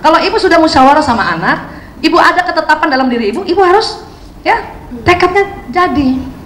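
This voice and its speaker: Woman seminar speaker, high-pitched and conversational, recorded in an echoey hall with faint room noise. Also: animated, fairly quick, a bit bright. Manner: chatty, keeps asking the audience questions. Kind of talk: lively seminar talk to an audience. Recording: roomy hall sound, faint ambience.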